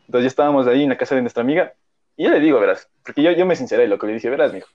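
A man's voice: mid-range voice, expressive, racing. A young man, telling a story in casual chat, rambling and full of slang and fillers. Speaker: podcast co-host. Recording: dull lo-fi audio.

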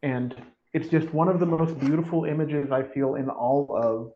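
This podcast host's mid-range voice is mellow and at normal speed, with a little hiss or hum over the dull lo-fi recording. Mixing casual chat with reading aloud, he talks eagerly about a book and often restarts.

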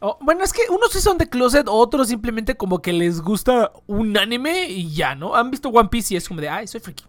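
A woman's voice: on the high side, sing-song, brisk, few pauses, no room sound. Young Mexican woman, slangy dry ranting. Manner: slangy, swears freely, tags phrases with questions. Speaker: livestream host. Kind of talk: casual ranting chat with a guest.

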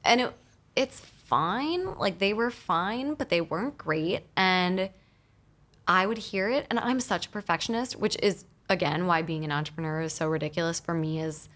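A woman entrepreneur chatting as a guest in a studio interview, talking fast and loose with plenty of "like" fillers. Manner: chatty, fillers of "like", lively pitch swings. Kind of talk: casual interview chat. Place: recording studio. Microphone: studio microphone.

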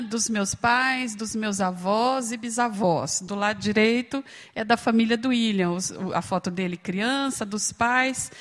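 A woman from Brazil giving a humorous, storytelling sermon, playfully acting out the voices of the people she quotes. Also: on the high side. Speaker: speaker at a church gathering. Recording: long hall reverb.

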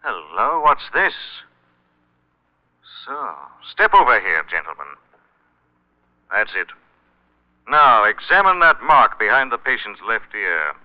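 The Shadow, sinister swooping radio avenger. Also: male voice, medium pitch, big pitch swings. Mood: stern, accusing. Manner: menacing, deliberate, theatrical. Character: sinister, mocking, all-knowing male crime-fighting avenger. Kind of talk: 1940s radio mystery acting. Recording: muffled old radio broadcast.

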